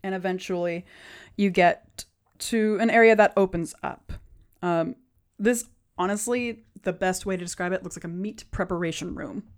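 A woman's voice: fairly low pitch, moderate pace. Young woman, game master, casual narration, chatty. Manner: casual, with many fillers and light laughs.

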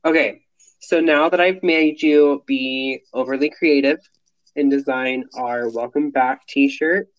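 A man's voice: medium pitch, muffled recording. A man in his late twenties co-hosting a casual podcast, rambling and restarting sentences with plenty of enthusiasm. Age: late 20s. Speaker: podcast co-host.

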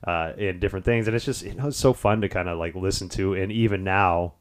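Podcast co-host, man from Texas, very low voice, loose and rambling. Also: quick pace, smooth. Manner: rambling, lots of fillers. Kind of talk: casual podcast chat.

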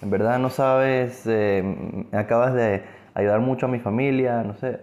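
A man's voice: mid-range voice, steady tone, moderate pace, lo-fi sound, lightly acted. A man voicing a weak, poor old man who begs and then turns indignant while telling a parable. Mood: pleading. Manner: pleading, then indignant and loud.

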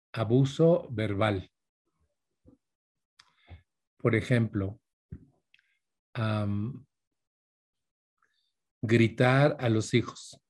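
A man with a Mexican Spanish accent lectures a live audience in a relaxed, conversational way, turning to them often as he tells his own stories. His voice is dark and mellow, with a husky, slightly breathy edge. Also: medium pitch. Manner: addresses listeners directly, mixes in personal stories. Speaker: speaker giving a talk on parenting.

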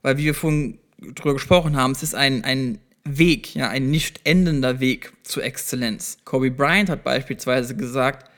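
A man's mid-range, fairly bright voice moves at normal speed as he hosts a solo self-improvement podcast. Addressing the listener directly, he explains step by step in a conversational, motivational manner, with small restarts.

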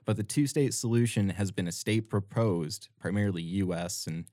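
A man's voice: low-pitched, normal speed, mellow, dry recording, studio quality. A young American man co-hosting a podcast, talking earnestly about politics and often stumbling over repeated words. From United States. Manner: earnest, repeats words when starting thoughts. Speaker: podcast co-host. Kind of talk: casual political discussion.

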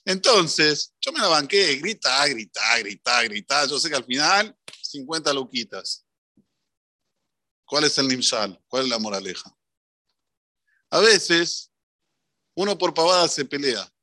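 A man with an Argentine accent, a religious teacher giving an animated storytelling sermon. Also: a little high, a little slow, long pauses, dry recording, studio quality. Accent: Argentine Spanish. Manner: animated, swings between voices.

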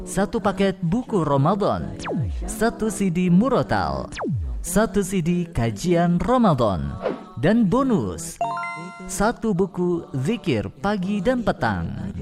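A male radio announcer delivers a scripted advertisement with a smooth, promotional read. His pitch moves a lot as he reads, and clear background music runs under his voice throughout.

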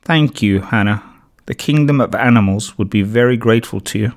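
A man voicing a wary, serious female woodland animal who speaks slowly and carefully. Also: lowish voice, natural voice. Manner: slow, serious, measured.

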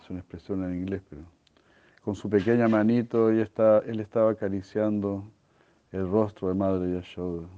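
A man telling a devotional story as a religious lecture, speaking slowly and deliberately, often clearing his throat and asking "¿no?". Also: lowish voice, steady tone, dark tone. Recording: dull lo-fi recording.

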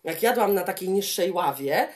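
A woman in her thirties co-hosting a chatty podcast, her pitch leaping high and dropping low as she talks. She laughs easily and tells stories with plenty of animation. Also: expressive, moderate pace. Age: 30s. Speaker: podcast co-host. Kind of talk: casual chat.

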